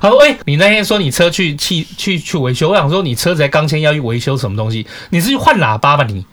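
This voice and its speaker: Animated man telling a story. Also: fairly high pitch, fast. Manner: animated, quoting people in dialogue. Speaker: podcast host. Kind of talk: casual chat, storytelling.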